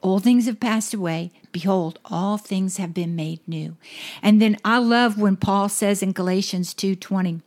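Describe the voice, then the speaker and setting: Woman minister, mid-pitch, earnest scripture reader who slows for emphasis. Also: darkish tone. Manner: earnest, slows down to stress verses. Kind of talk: reading and explaining scripture.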